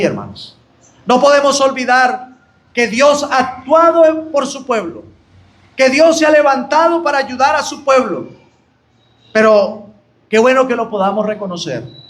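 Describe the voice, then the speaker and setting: This is a man with a very high, somewhat bright voice and a Colombian accent, fervently preaching a Bible study sermon to his brethren. He speaks to them as "hermanos," rising on exclamations.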